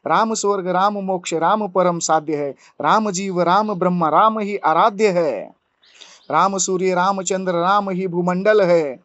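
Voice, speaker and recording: A good-natured old grandfather ghost who teases in folksy village speech, voiced by a man in a fairly high register. The sound is dry and a little dull, recorded close. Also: no room sound. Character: kindly old male grandfather ghost, teasing.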